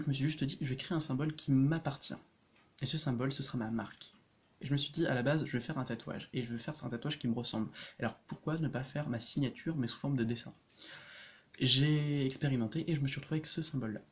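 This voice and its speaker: Hesitant man chatting on a vlog. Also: mid-range voice. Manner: hesitant, many fillers and restarts, chuckles often. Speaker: energy practitioner. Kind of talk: casual vlog explaining a homemade rune deck.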